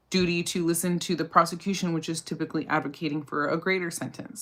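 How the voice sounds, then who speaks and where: A woman's voice: deep voice, a bit bright. A woman, chatting casually on a livestream while doing her makeup, answering viewer questions about criminal law with plenty of fillers and asides. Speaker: livestream host and criminal defense lawyer.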